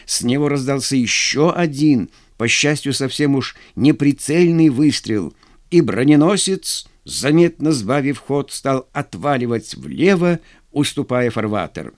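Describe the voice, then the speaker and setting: A male narrator reads a scripted audiobook with dramatic storytelling. His pitch sits mid-range but moves in a lively way. The recording is close and dry, with no room echo. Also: a little slow.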